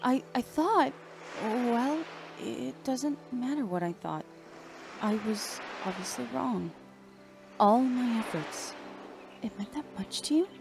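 A woman voicing a warm, earnest teenage girl huntress, speaking softly and heartfelt in a fan fiction reading. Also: on the high side, animated, slow pace, vocal fry, music in the background, pitched above the performer's own voice, full character voice. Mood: apologetic. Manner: soft, pleading, heartfelt.

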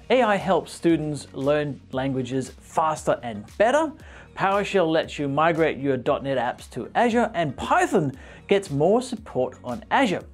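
A male host presents scripted tech news to camera in a small indoor studio, his fairly high voice animated and playfully wry. He wears a lapel mic, and music plays behind him.

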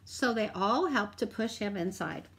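A woman teacher reading a picture book aloud to children, expressive, with drawn-out emphasis and asides to her listeners. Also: medium pitch, slight background noise.

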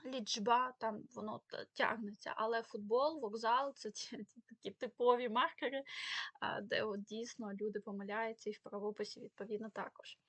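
A woman's voice: on the high side, steady tone, brisk, fairly bright tone, breathy edge, no room sound. A woman giving a spelling lesson, explaining rules and carefully stressing the example words. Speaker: language teacher.

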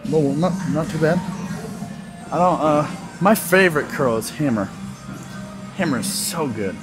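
A man's voice: a little high, normal speed, poor audio. A man in his twenties with a laid-back, rambling manner, vlogging casually from a large gym and laughing often between remarks. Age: 20s. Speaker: fitness vlogger. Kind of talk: casual walk-and-talk vlog. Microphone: phone camera on a tripod nearby. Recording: gym music playing loudly behind. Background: music playing in the gym.

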